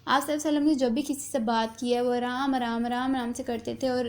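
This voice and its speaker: A woman teaching a children's class, reading a text slowly and then explaining it again in simple, repeated words, with English words mixed in. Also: a little high, fairly even intonation, a little mellow. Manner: reads a passage, then re-explains it simply with repetition; slow, deliberate pace for children. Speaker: school teacher.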